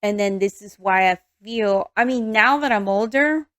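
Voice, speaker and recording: A woman in her thirties co-hosting a casual chat, talkative and agreeable, quick to laugh. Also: medium pitch, no room sound, studio quality. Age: 30s. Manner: chatty, agreeing often, laughing easily. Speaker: podcast co-host.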